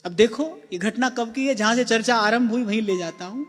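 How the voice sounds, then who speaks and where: A man giving a gentle devotional discourse, often repeating himself and putting questions to his listeners. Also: extremely high pitch, fairly quick. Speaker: spiritual discourse speaker. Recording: long hall reverb with faint music.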